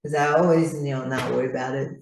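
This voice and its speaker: A woman in her fifties speaking softly and casually, her voice low for a woman. She sits far from the microphone. Heavy echo fills the room around her. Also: fairly even intonation, quick pace, gravelly, slight background noise. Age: 50s. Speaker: fitness club member guest. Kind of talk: casual roundtable chat. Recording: very echoey, distant from the mic.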